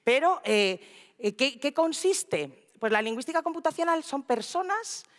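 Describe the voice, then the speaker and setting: A woman giving a lively, playful conference talk and acting out quoted voices as she explains. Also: sits high, measured pace. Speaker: speaker. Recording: reverberant hall.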